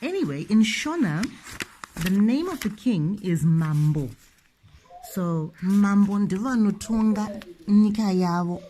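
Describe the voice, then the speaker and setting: A woman's voice: mid-range voice, animated, a little slow, warm tone, slight background noise. A young woman giving a playful children's language lesson as a mother, with encouraging, sing-song questions and repetition. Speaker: mother teaching her toddler.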